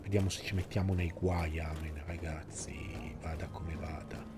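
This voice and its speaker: A man's voice: a bass voice, fairly even intonation, moderate pace, background noise. A man with an Italian accent giving casual gameplay commentary, thinking aloud in short phrases. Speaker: gaming video host. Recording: music behind the voice.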